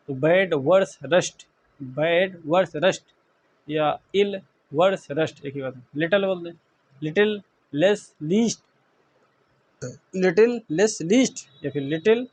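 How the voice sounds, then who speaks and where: A man from India teaching English grammar in a classroom-style lecture, spelling words letter by letter and often checking that students follow. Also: a little high.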